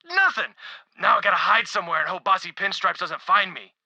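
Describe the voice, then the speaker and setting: A dim, boastful bandit schemer. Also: male voice, high voice, vocal fry, pushed and bright, no room sound, dull audio, exaggerated voice. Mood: scheming. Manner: fast, scheming, rambling monologue. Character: dim, boastful bandit man sneaking into an arena. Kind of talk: audio log in a video game.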